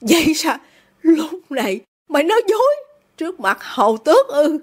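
A woman reading the part of a furious, greedy middle-aged businessman father, shouting and contemptuous. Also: fairly high pitch, very animated, moderate pace. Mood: raging.

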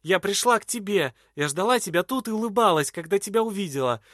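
A man reading an audiobook, voicing a passionate young woman who pleads urgently and nearly shouts. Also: high-pitched, lively intonation, fast talker, no room sound, clean studio sound, voice pushed up. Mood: passionate pleading. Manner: emotional, urgent, near-shouting. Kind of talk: audiobook character voice.

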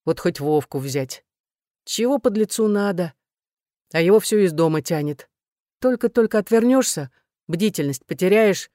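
A woman's voice: low-pitched, darkish tone, no room sound, studio quality. A woman reading aloud, voicing a sly, world-weary female friend who talks in a wry, sighing, frank way.

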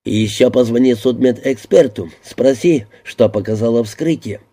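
A man's voice: mid-range voice, normal speed, mellow, lightly acted. A man reading an exasperated police lieutenant. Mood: brusque. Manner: defensive to a superior, barking at his squad. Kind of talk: audiobook character reading.

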